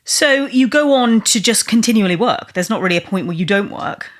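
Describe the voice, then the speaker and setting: A man's voice: sits high, lively intonation, a little fast. A man chatting casually as an interviewer on a podcast.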